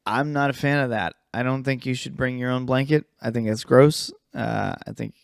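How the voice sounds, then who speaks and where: A man's voice: medium pitch, moderate pace, vocal fry, no echo, clean studio sound. A man co-hosting a podcast in casual chat, rambling and swearing, often losing his train of thought. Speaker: podcast co-host.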